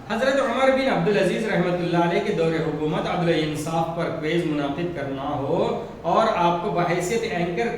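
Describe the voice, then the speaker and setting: A man's voice: a little high, recorded from a distance. A man with an Urdu-speaking Indian accent teaching a textbook lesson, patiently repeating words and spelling out letters. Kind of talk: slow textbook lesson explanation. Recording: very echoey room, voice from afar, faint background noise.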